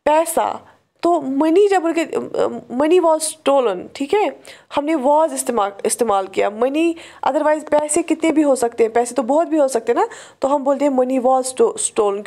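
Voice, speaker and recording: A woman, a native Urdu speaker, teaching English grammar in a lecture. She explains in Hindi-Urdu, says the English example sentences slowly and deliberately, and often checks in with the class. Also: high-pitched, warm tone. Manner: often checks in with "theek hai" and "right".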